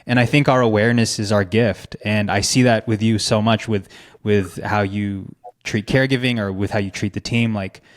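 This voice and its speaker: Sincere man with a low voice. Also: steady tone. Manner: sincere, slow, with "uh" and "um" hesitations. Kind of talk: earnest conversational chat.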